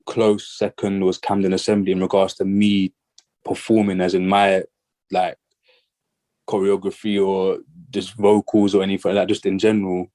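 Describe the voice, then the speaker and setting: A man talks about his music in a loose, rambling way, full of "like" and restarts. His voice is very low and mellow, with little rise and fall. He sounds a bit out of breath. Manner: relaxed, rambling, lots of "like" fillers. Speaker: guest artist and musician. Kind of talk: casual interview chat.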